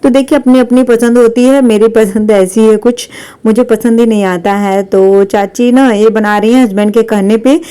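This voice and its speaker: A woman tells her day in a relaxed voice-over, pitched a little high. The tone is mellow and smooth. She talks in a chatty, homely way, like a vlogger catching viewers up. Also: moderate pace. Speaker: village life vlogger. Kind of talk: casual voice-over narration.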